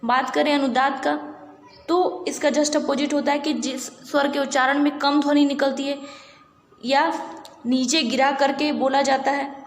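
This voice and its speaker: A woman's voice: sits high, little pitch movement, measured pace. A woman teaching an exam-prep grammar lesson, patiently repeating key points and checking in with her listeners. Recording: echoey room with long reverb, faint background noise.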